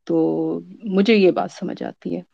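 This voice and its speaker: A woman's voice: fairly low pitch, steady tone, gravelly, mellow, no room sound. Thoughtful woman on dull, dry audio. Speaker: student. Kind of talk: reflective question in a class discussion.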